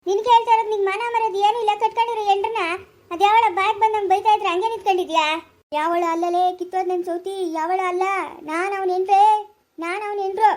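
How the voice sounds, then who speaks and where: A woman with a rural Karnataka Kannada accent playing a sharp-tongued village wife who berates and wails curses in an amateur family skit. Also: extremely high pitch, steady tone, fast. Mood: angry. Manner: loud berating, wailing curses.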